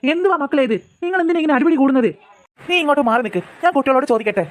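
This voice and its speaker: A woman's voice: sits high, lively intonation, rapid-fire, slight background noise. A woman voicing a cheerful middle-aged father in a cartoon, teasing and fond with his family. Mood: chiding. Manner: fond, chiding, joking. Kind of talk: cartoon voice acting.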